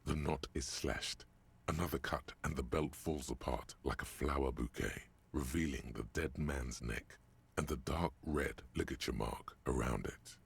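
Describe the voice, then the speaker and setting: An actor playing a game's narrator voice, describing grim details in a darkly vivid manner. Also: male voice, a bass voice, unhurried, vocal fry, slightly rough, no echo, exaggerated voice. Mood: grim narration. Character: deep gravelly male narrator voice of the detective's mind. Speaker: game narrator.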